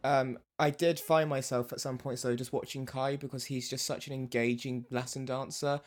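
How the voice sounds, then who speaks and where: A man's voice: medium pitch, level tone, normal speed. A man guesting on a podcast, talking in an enthusiastic, opinionated way and repeating words as he starts a point. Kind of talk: casual chat.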